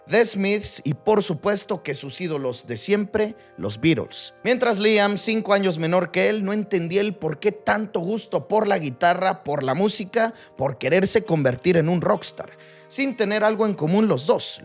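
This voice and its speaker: A man narrating a music documentary in a scripted, dramatic style with short listed phrases. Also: high voice. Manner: dramatic, clipped listing phrases.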